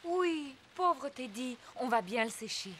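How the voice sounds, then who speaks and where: A voice actress playing a kind, sensible mother pig in a French cartoon dub, with a gentle, motherly manner. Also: high-pitched, animated, measured pace, a little hiss or hum. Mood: soothing. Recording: studio dub over music.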